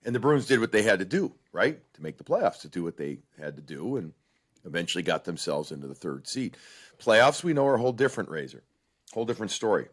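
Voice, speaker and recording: Animated male sports podcast co-host. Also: fairly low pitch, fast talker. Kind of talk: casual sports talk.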